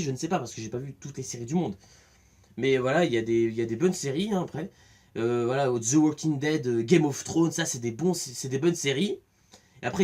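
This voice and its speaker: A talkative man giving a casual, rambling spoken review, excitable and full of restarts. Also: medium pitch. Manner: chatty, rambling, many restarts and fillers; excitable, acts out scenes with voices. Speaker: film and series reviewer.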